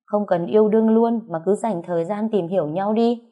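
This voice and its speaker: A woman's voice: medium pitch, fairly quick, muffled recording, pitched above the performer's own voice, close to an everyday voice. A woman reader voicing a blunt young woman who pushes her friend frankly in a storybook reading. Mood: pushy. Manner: frank, teasing.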